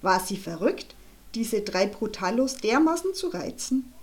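A woman's voice: fairly high pitch, unhurried. Woman reading a children's book aloud. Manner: lively, expressive. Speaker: audiobook reader.

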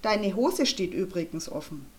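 A woman voicing a cheeky, sharp-tongued little schoolgirl who teases cheerfully and mockingly, in a storybook reading. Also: lowish voice, animated, normal speed, pitched below the performer's own voice, close to an everyday voice. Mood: teasing.

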